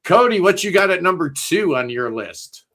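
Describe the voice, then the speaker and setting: A man's voice: high-pitched, very animated, normal speed, a bit bright. A man hosting a casual podcast panel, talking enthusiastically and jokily with lots of fillers. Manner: enthusiastic, jokey, loose with fillers. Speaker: podcast host.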